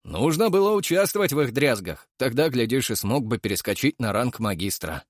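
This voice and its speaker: A man's voice: medium pitch, very animated, fairly quick, no room sound, clean studio sound. A man doing a wry, level-headed grown man.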